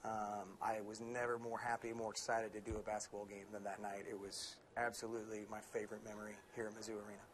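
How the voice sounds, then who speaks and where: Relaxed conversational man from Missouri. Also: lowish voice, fast talker, few pauses, crowd noise. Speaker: arena announcer and radio host. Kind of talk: interview answers.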